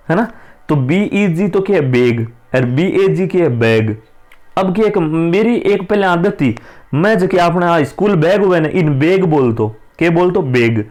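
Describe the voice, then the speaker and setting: A male teacher with a Rajasthani accent works through exam questions, his voice slightly high and darkish in tone. It's an exam-prep lesson where he explains the answers in a casual, chatty manner, blending dialect with Hindi.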